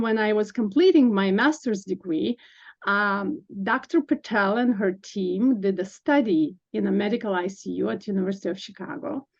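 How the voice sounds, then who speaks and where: A woman in her forties from Lithuania talks earnestly as a podcast guest, her explanations full of small fillers and soft laughs. Her voice sits at an ordinary middle pitch, and the recording sounds slightly dull and lo-fi. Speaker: nurse practitioner guest. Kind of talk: podcast interview.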